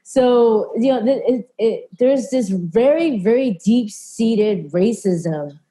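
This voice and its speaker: A woman's voice: fairly high pitch, animated, takes it slowly, dark tone. A woman from California speaking earnestly in a panel talk, with many fillers and restarts. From California, USA. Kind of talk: conversational panel discussion.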